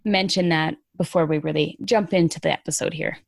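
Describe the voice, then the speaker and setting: A woman's voice: low voice, steady tone, a little fast, creaky, dry recording, clean studio sound. A woman hosting a podcast, talking through news in an informal, emphatic, conversational way. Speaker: podcast host. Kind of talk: casual conversational news commentary.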